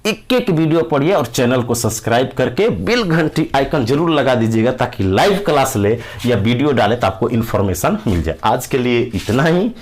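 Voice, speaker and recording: A man's voice: medium pitch, big pitch swings, moderate pace, few pauses. A man teaching a physics lesson to exam students, explaining with everyday examples and repeating key words. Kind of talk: classroom lecture for exam students.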